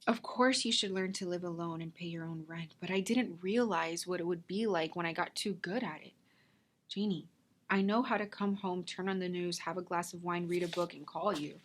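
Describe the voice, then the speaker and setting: Actress as slightly husky, earnest woman defending herself. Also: lowish voice, normal speed, lightly acted. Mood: confessional. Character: woman nearing thirty, wistful, defensive, determined to marry. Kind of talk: self-taped dramatic acting scene.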